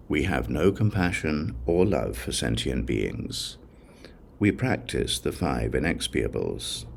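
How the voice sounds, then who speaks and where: An audiobook reader with an extremely low, gravelly voice solemnly narrates a sacred text. His recitation is slow, deliberate, and measured like a scripted audiobook, yet his pitch rises and falls lively, and there's a little hiss or hum.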